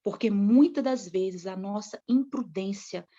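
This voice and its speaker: A woman's voice: mid-range voice, measured pace, warm tone. A woman preaching a sermon to other women with a fervent, repetitive cadence. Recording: dull lo-fi recording.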